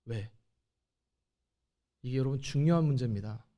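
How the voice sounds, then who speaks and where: A man's voice: mid-range voice, moderate pace, dark tone. A man preaching a Sunday sermon as pastor, talking straight to the congregation and acting out God's questions with rising force. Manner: conversational, addresses the congregation directly. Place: church.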